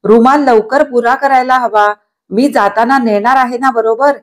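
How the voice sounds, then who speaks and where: A woman voicing a lively, stubborn young girl who pleads and turns tearful, in a read-aloud novel. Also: on the high side, a little slow, natural voice. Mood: pleading.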